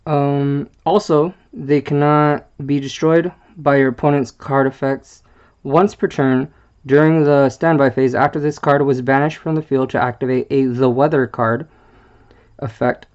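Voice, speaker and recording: A man's voice: medium pitch, fairly even intonation, a little slow, darkish tone, smooth. A man with a mid-range voice reads card game rules aloud for a deck presentation. He stumbles over the wording, corrects himself and fills gaps with little hesitations. The sound is a bit dull and lo-fi, as from a simple home microphone. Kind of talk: reading card text aloud.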